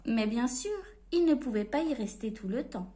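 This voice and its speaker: A woman reading a storybook aloud to children in an expressive, playful way. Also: a little high, moderate pace.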